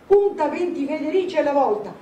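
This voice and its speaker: A woman's voice: animated, fairly quick, dull audio, slight background noise. A woman playing a frantic, bossy old grandmother. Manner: shrill, commanding, breathless urgency. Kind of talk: dramatic literary reading. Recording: echoey hall, distant mic, music.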